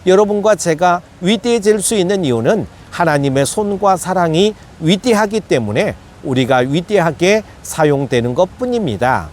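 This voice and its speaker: A male pastor giving an earnest daily devotional sermon and closing prayer, gently urging his listeners on. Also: high voice, lively intonation, moderate pace, hardly any pauses, a little hiss or hum.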